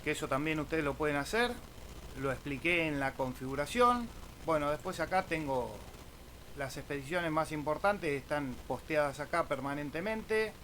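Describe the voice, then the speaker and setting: An amateur radio YouTuber from Argentina leads an informal screen-share tutorial, frequently ending phrases with a questioning "eh?". His voice is a little high and fairly bright at a moderate pace, with clear background noise in the recording.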